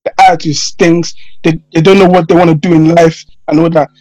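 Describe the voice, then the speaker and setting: High-pitched young London man, slangy chat. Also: level tone, brisk, a little mellow, no echo. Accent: London, urban slang. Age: young adult.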